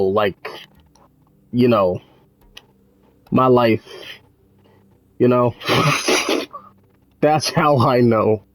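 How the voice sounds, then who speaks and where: A man's voice: mid-range voice, fairly bright tone, no room sound. Man, casual gaming commentary, rambling, profane, sardonic, dry recording. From United States. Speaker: gaming channel host.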